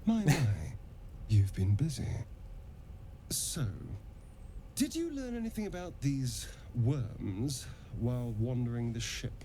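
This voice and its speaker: Astarion, a silky, mocking vampire. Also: male voice, mid-range voice, big pitch swings, slow, a little hiss or hum. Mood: sly. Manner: silky, mocking and theatrical, with soft laughs. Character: sly, charming young-looking vampire elf man.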